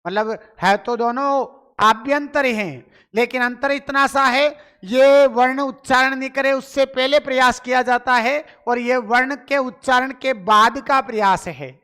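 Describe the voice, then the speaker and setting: A man's voice: very high voice, steady tone, measured pace, bright, forceful tone, clean tone. A male teacher giving a live online grammar lesson, asking questions and answering them himself, and urging viewers to reply in chat.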